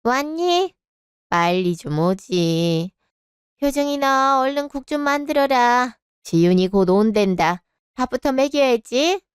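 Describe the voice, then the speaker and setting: A woman's voice: high voice, animated, slow, clean tone. Woman playing a stern older mother-in-law. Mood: scolding. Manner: scolding, sharp and overbearing. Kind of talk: Korean radio drama.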